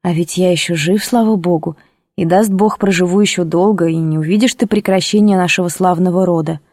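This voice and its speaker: A woman reading a calm prince father. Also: on the low side, brisk, dry recording, studio quality, lightly acted. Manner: calm and reassuring.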